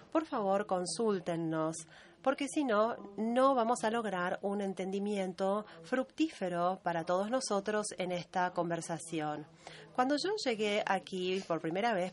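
Low-voiced woman interpreting a meeting. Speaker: conference interpreter.

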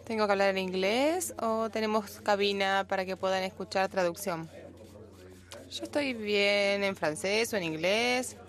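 A woman with a Rioplatense Spanish accent interprets simultaneously, relaying the speech steadily and evenly. Her pitch is medium and her pace unhurried.

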